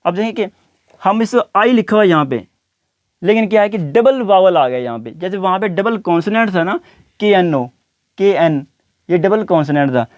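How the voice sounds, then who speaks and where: A man teaching English pronunciation, saying each example word slowly and repeating it several times. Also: high voice, expressive, a little mellow, dry recording. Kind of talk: explaining pronunciation to learners.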